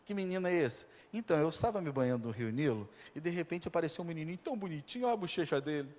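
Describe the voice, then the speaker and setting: A man's voice: a little high, expressive, very fast, close to an everyday voice. A man doing a sweet coaxing princess. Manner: soft, coaxing, pleading. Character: sweet young royal daughter coaxing her father. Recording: reverberant church hall.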